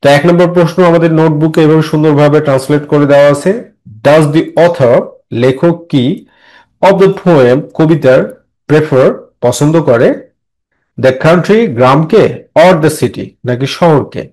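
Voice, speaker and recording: A young man teaching an English lesson in Bengali, slowing down to read the English lines aloud and explaining each word. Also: a little high, a little mellow, low-quality recording. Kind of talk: classroom lesson explaining a textbook poem.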